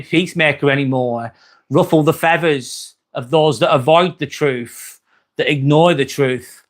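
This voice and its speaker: A livestream host, a man with a slightly high voice and a northern English accent from around Manchester, reads out comments in casual chat. He comes across as chatty and friendly, with lots of "um" fillers.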